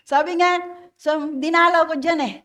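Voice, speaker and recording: A woman's voice: high voice, unhurried, fairly bright tone. A middle-aged woman pastor with a Filipino accent, preaching a Sunday sermon in a playful, teasing way and often quizzing her congregation. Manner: mixes English phrases into Filipino preaching, asks the congregation questions; playful teasing, laughs between points.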